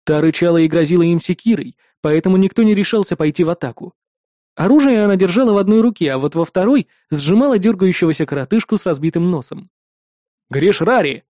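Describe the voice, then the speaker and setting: An audiobook narrator reading a first-person fantasy story with steady, lightly dramatic storytelling. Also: mid-range voice, quick pace, dry recording, studio quality.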